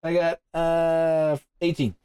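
A man casually narrating his actions as a player in a tabletop game, giggly and halting as he works them out. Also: fairly high pitch, flat delivery, dark tone, clean tone, no echo, studio quality. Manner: giggly, hesitant phrasing.

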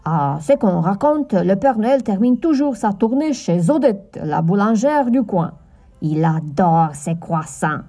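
A woman's voice: medium pitch, animated, unhurried, dark tone. A woman voicing a male circus clown who announces like a ringmaster, in a children's storybook. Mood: kind.

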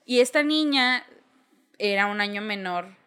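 A woman's voice: medium pitch, expressive, measured pace, fairly bright tone, clear, resonant tone. A young woman with a Mexican accent telling a story in casual chat, blunt and full of slang, acting out the people she quotes.

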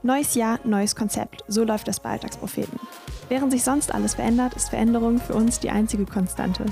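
A woman hosting a podcast who reads a first-person story in a measured, grave way. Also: a little high, steady tone, vocal fry, dark tone, soft background music. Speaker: podcast host and narrator.

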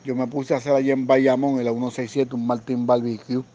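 A man's voice: medium pitch, brisk. Puerto Rican man telling street stories. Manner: animated, acts out quoted voices, slangy. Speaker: security guard. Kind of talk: casual storytelling. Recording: dull lo-fi recording with faint noise.

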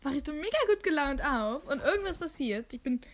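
Young female co-host, a little high-voiced, playful and rambling in casual chat. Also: lively intonation, fairly quick. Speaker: podcast co-host.

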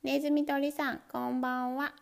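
A woman's voice: high-pitched, little pitch movement, fairly quick, vocal fry. A woman doing a pompous, whiny little mouse. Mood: haughty. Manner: haughty, complaining, whining.

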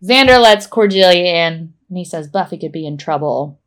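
A woman's voice: fairly low pitch, moderate pace. Woman narrating an episode recap. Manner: animated play-by-play storytelling. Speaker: podcast co-host. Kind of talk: casual episode recap chat.

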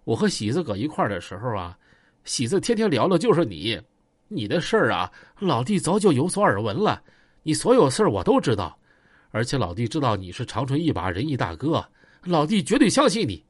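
A man's voice: medium pitch, sing-song, fairly quick, breathy edge, no echo, clean studio sound. A man voicing a cautious, polite ex-con who talks in a pleading, deferential way, with a Northeastern Chinese accent.

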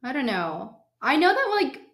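A woman's voice: high voice, huge pitch swings, moderate pace, fairly bright tone, echoey room. Young college girl, giggly n flustered, kinda sick, bouncy voice all over the place. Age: young adult. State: sick, chewing a cough drop. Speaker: podcast guest. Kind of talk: casual chat.

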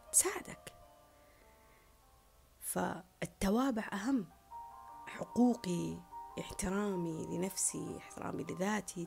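A woman speaks in an earnest, reflective monologue, with a gravelly, creaky edge to her voice. She drives her points home through repetition and often slips into a soft whisper. Faint music plays underneath. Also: lowish voice. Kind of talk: reflective monologue on love and relationships.

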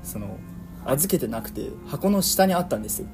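A man casually telling a true eerie family story in conversation, in halting pieces and polite speech. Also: on the high side, sing-song, music in the background.

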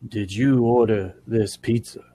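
A man's voice: mid-range voice, steady tone, a little fast, natural voice. Man playing an awkward, clumsy pizza delivery guy. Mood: deadpan.

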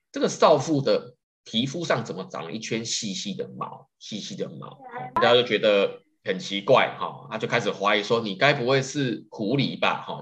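A man's voice: lowish voice, fairly bright tone. A man, hosting a podcast and chattily retelling a folktale. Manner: chatty, loads sentences with drawn-out particles. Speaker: podcast host.

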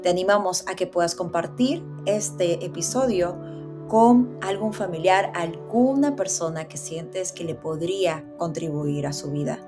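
A woman's voice: on the low side, unhurried, over music. A woman hosting a podcast, upbeat and welcoming as she greets listeners and interviews her guest. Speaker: podcast host.

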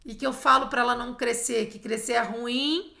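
A woman telling a story in casual conversation, animated and engaged. Her voice is bright and a little tense, with a gravelly, fry-edged texture, sitting somewhat high. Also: normal speed. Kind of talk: casual chat.

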